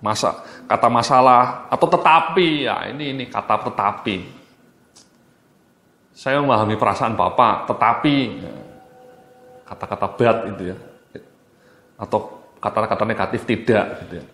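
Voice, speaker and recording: A man's voice: lowish voice, moderate pace, pauses often, a bit bright. Emphatic male trainer in an echoey room. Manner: emphatic, repeats words, addresses listeners directly. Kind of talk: training lecture.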